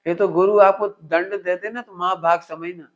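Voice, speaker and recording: A man giving a spiritual discourse, animated, illustrating with everyday household examples and quizzing his listeners with call-and-response questions. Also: sits high, moderate pace. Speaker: religious teacher. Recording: dull lo-fi recording.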